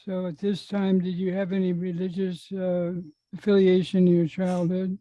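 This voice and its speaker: A host introducing a guest and asking interview questions, slow and halting. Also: mid-range voice, little pitch movement, mellow, no room sound, poor audio.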